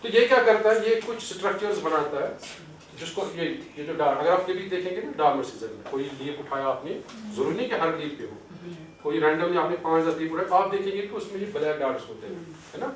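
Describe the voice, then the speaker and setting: A man with a Kashmiri accent giving a training lecture, explaining step by step, asking questions and then answering them, slipping English terms into his speech. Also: on the high side. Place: lecture hall. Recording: echoey hall, distant mic, faint hiss.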